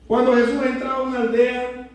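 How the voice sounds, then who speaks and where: A male pastor preaching with an unusually high voice, putting rhetorical questions to his flock. He sounds set back from the mic, and the church around him rings with heavy echo. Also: flat delivery, brisk. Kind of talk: sermon. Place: church sanctuary. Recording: echoey church from a distance.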